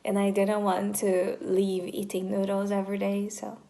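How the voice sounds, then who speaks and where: A woman's voice: medium pitch, completely flat delivery, normal speed, vocal fry, warm tone. A woman in her early twenties from Brazil with a Brazilian Portuguese accent, introducing herself in a hesitant, casual vlog. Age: 20s. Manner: hesitant, with fillers and restarts. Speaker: vlogger.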